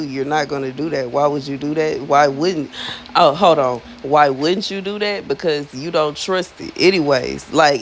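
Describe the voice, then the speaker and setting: A woman's voice: deep voice, a little hiss or hum, rough recording. A woman in her thirties giving a casual, chatty monologue to her viewers, slangy and emphatic, often repeating herself for effect. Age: 30s. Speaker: spiritual influencer.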